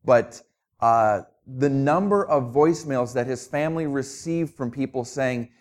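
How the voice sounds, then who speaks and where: In an unhurried, mid-range voice, a middle-aged man preaches as a guest pastor. He's from Minnesota but has a New Jersey accent, and he keeps the sermon casual and chatty with humor at his own expense.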